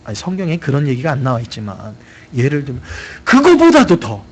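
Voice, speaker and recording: A man preaching a sermon as a pastor in a church, telling a story in an animated way and often speaking directly to the congregation. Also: mid-range voice, fast talker. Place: church sanctuary.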